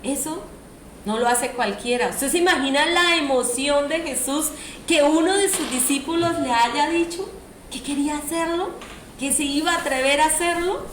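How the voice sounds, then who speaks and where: A woman's voice: high voice, moderate pace, fairly bright tone. A woman preacher, delivering a sermon and often asking the audience questions. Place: church hall. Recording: echoey church room, faint noise.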